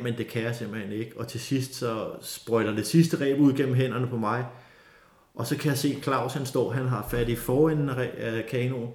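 A man telling a lively, casual story with many fillers and restarts. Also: mid-range voice. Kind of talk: casual spoken anecdote. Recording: roomy echo.

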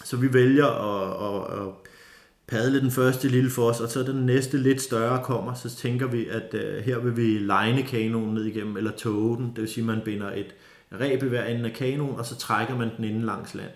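A man telling a lively, casual story with many fillers and restarts. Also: medium pitch. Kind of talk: casual spoken anecdote. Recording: roomy echo.

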